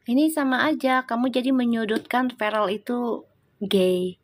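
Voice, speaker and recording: A woman hosts a casual live stream and answers her viewers' comments. Her voice sits fairly high. She lectures and scolds with a stream of rhetorical questions. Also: fairly even intonation, moderate pace.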